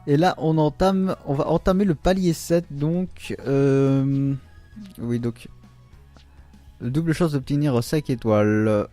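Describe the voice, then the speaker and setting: A man giving casual commentary on his game pulls, excitable and groaning aloud whenever the luck turns against him. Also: a little high, slow, faint music behind. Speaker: gaming YouTuber.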